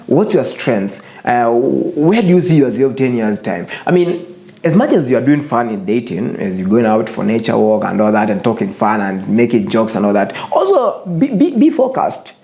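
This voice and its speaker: A young Kenyan man hosting his own show offers viewers casual, earnest advice, moving between English and Swahili and repeating phrases for emphasis. His voice is mellow and medium in pitch.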